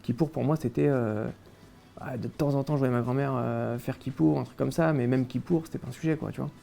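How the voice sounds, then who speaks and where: Young man from France, interview guest, gravelly, mellow tone, hesitant. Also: mid-range voice, fairly even intonation, a little fast, slight background noise. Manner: hesitant, many restarts and fillers. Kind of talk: casual interview, recounting his childhood.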